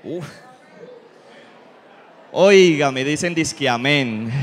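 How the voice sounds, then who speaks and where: A middle-aged man preaching a sermon as pastor, humorous and animated, asking the congregation questions. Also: sits high, normal speed, a little hiss or hum.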